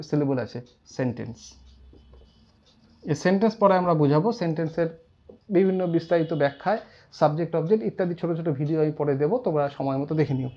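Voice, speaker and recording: Man, English teacher, grammar lesson, warm mellow voice, lo-fi recording. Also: on the high side. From India. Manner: explains slowly, repeats terms, quotes example sentences.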